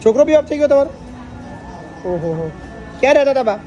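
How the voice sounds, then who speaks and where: High-voiced man reassuring elderly women. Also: very animated, fairly quick, dark tone, lo-fi sound, faint music behind. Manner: reassuring, repeats questions back. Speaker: old-age home organizer and vlogger. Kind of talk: casual interview.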